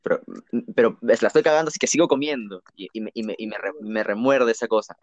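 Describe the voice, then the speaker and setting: A man's voice: fairly low pitch, fast talker, dry recording. A young man in casual chat, talking reflectively and telling a rambling personal story with many restarts. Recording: dull, muffled sound.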